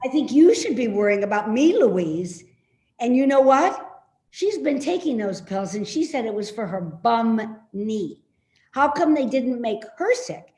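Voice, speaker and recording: Reading a part in a play, a woman portrays an elderly mother who is suspicious and complaining, nagging indignantly in a slow, insistent way. Her voice is on the high side, sing-song and darkish. The remote recording has a roomy, echoey sound.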